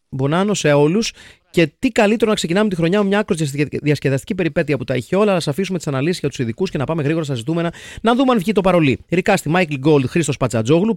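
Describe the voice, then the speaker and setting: A man hosting a casual podcast chat, reading listener comments in a quick, jokey way. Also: fairly high pitch, no room sound, studio quality. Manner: jokey, quick, mixes English phrases. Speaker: podcast host.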